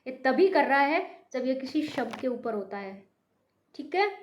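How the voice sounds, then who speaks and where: Slow, high-voiced woman teaching Hindi. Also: big pitch swings, echoey room, a little hiss or hum. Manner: slow, repetitive, drawn-out pronunciation of sample words; mixes English words into her Hindi. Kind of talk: online language lesson.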